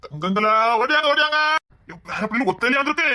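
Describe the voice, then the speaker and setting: A woman's voice: sits high, expressive, fast, sharp tone, a little hiss or hum. A woman doing a doting old village grandfather. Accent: Tirunelveli Tamil. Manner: calls out fondly, coaxing. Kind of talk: village comedy skit.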